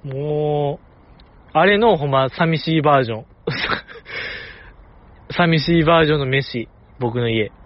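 A man's voice: on the high side, slow pace, pauses often, dull audio. Kansai-accented man, chatty and teasing. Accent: Kansai Japanese. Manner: chatty, jokey, teasing asides. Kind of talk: casual solo radio talk.

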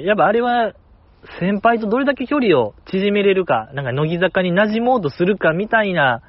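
A man with a Kansai accent hosts his own podcast, gushing in a chatty, self-mocking way. His voice sits a little high and jumps up and down a lot as he talks. The sound is slightly dull and lo-fi. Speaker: podcast host. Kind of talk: solo fan podcast chat.

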